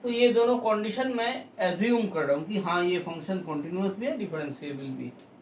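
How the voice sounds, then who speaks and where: A man teaching a math lesson, explaining slowly and step by step with frequent pauses. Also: high-pitched, lively intonation, echoey room, recorded from a distance, slight background noise, rough recording.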